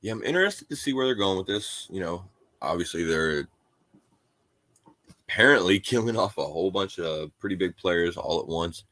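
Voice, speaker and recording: A man's voice: low voice, expressive, moderate pace, fairly bright tone, no echo. A man co-hosting a casual comics podcast, easygoing and hesitant, with many "you know"s. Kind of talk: casual chat.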